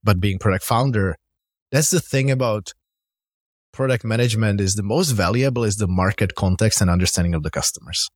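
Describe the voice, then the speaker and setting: Speaking a little fast in a lowish voice, a middle-aged man from the Czech Republic, founder and CEO of a startup, explains things conversationally in an interview with a Czech accent. The recording is dry and studio quality.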